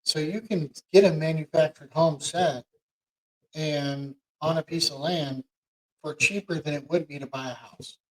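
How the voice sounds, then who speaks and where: Middle-aged male podcast co-host, somewhat high voice, casual and halting. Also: rough recording. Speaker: podcast co-host, mortgage lender.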